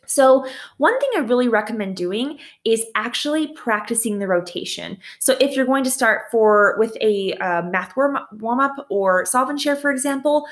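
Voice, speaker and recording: A young adult woman teacher explaining how she sets up classroom routines, in a casual, practical way, laughing lightly at her own slips. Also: a little high. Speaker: teacher sharing classroom tips. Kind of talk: casual instructional talk.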